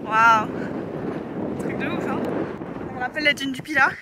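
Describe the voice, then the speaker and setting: Woman travel vlogger, high voice, chatty and excitable, recorded outdoors in strong wind. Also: moderate pace. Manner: chatty, slangy and enthusiastic. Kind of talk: casual travel vlog narration. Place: outdoors in windy high desert. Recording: heavy wind noise on the mic.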